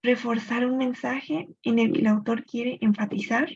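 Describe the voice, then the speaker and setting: A woman teacher explains poetic rules step by step, stopping now and then to think aloud. Her voice sits a little high, with a gravelly, husky edge. The recording sounds dull and lo-fi. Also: fairly even intonation, a little mellow. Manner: clear explanatory pace with thinking-aloud pauses. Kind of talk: recorded literature lesson.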